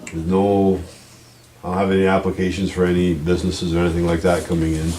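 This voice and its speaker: A man's voice: low voice, flat delivery, quick pace, mellow. A man giving an informal report as a local official at a board meeting. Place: indoor village board meeting room. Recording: roomy, distant mic with background noise.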